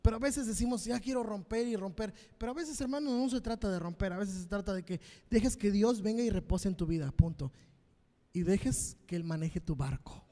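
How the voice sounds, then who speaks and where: A man with a Mexican Spanish accent preaching a sermon as pastor, fervent and repetitive, swinging between loud and quiet. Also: high voice, fairly quick, big-room sound. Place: church hall.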